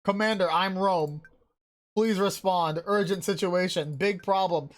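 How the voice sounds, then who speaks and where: A woman's voice: fairly low pitch, measured pace, lightly acted. Game voice: curt, urgent young soldier girl, played by a woman, terse telegraphic lines. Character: urgent young female soldier, clipped broken speech.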